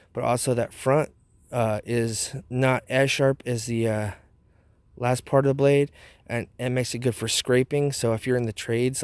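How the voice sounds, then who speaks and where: A man's voice: medium pitch, darkish tone, smooth, no room sound. A man hosting a casual product review vlog outdoors, talking with a wad of chewing tobacco dip in his mouth. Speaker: knife review channel host.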